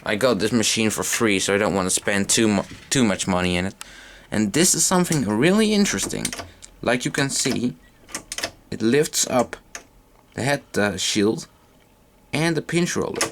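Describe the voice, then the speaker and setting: A hobbyist demonstrates vintage audio gear in an unscripted, hands-on video, talking casually and a little hesitantly. His lowish voice is animated and moves at a moderate pace. The sound is noisy amateur camera audio with clicks.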